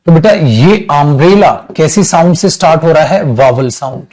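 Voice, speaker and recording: Male teacher, a bit higher voice, patiently drawn-out sound demos. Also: a little mellow, low-quality recording. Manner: addresses students as beta, drawn-out demonstration of sounds. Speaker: English teacher. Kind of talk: online classroom lesson.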